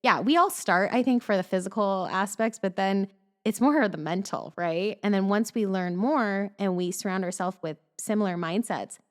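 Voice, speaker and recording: A woman's voice: mid-range voice, normal speed. Reflective woman guest, laughing easily. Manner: open, reflective, laughs often. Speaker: podcast guest. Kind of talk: casual chat.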